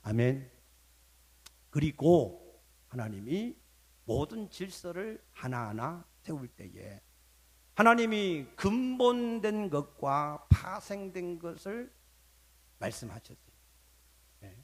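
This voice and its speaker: A man, a pastor, preaching a sermon, asking his congregation questions and calling for amens, with sudden drops to a low murmur at phrase ends. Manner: dramatic swings in loudness, dropping low at phrase ends.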